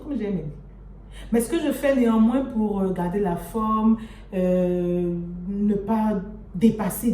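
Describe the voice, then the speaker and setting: Speaking warmly in a lowish voice, a young woman vlogger introduces her channel and chats familiarly to camera, addressing viewers with affection. The recording has a roomy echo, a distant mic, and faint noise.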